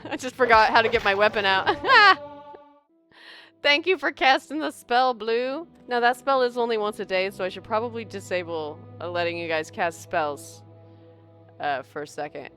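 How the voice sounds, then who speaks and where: A woman's voice: a little high, moderate pace, sharp tone, soft background music. A woman streamer giving casual, playful gameplay commentary, chatting to viewers and thinking aloud. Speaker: game streamer.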